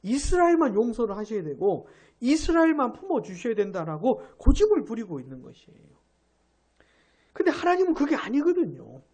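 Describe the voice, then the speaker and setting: Animated male pastor teaching scripture. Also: extremely high pitch. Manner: emphatic, asks the listeners questions, reads scripture aloud slowly. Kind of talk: Bible study sermon.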